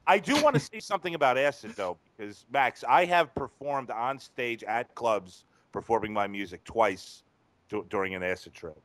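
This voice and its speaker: A man's voice: mid-range voice, lively intonation, moderate pace, a bit bright, no echo. A man co-hosting a casual podcast, rambling, profane and self-mocking. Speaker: podcast co-host.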